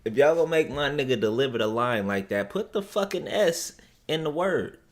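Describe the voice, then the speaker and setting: A man's voice: mid-range voice, lively intonation, normal speed. Slangy, profane male reaction streamer. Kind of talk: casual reaction commentary.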